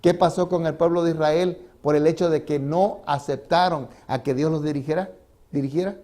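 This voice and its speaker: Male pastor, church sermon, emphatic delivery that swells and drops, fairly high pitch. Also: fairly even intonation, normal speed, warm tone. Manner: emphatic, rising and falling delivery.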